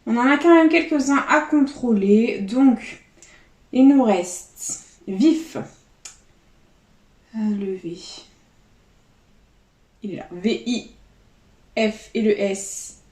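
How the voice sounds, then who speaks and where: A woman's voice: on the high side, slow pace, long pauses, darkish tone. Chatty woman calling out letters in a roomy space. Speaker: vlogger. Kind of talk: casual running commentary to viewers. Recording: roomy echo, faint background noise.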